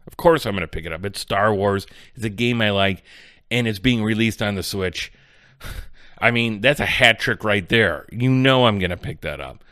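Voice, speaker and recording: A man's voice: on the low side, normal speed, fairly bright tone, no room sound, studio quality. A man hosting a casual solo gaming podcast, rambling and ranting in exasperation. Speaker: podcast host.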